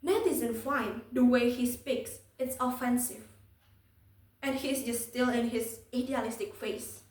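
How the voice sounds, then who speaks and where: High-voiced young Indonesian woman, stiff memorized speech. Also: unhurried, darkish tone. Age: young adult. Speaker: speech competition contestant. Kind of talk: prepared competition speech. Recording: echoey room, distant microphone.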